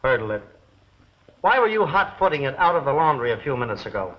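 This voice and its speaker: An actor playing a brash, wisecracking, nosy newspaper reporter in a 1930s film, talking in flippant slang. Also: male voice, medium pitch, sing-song, fast talker, natural voice. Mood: pressing, cocky. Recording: dull, hissy vintage film soundtrack.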